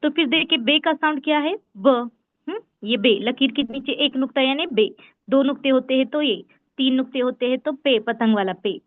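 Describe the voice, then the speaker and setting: A woman's voice: high voice, no room sound. Woman teaching letters over a tinny call. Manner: patient, repeats sounds slowly and clearly. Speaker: Urdu teacher. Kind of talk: online class teaching letters. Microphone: online class call. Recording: tinny phone-like call audio.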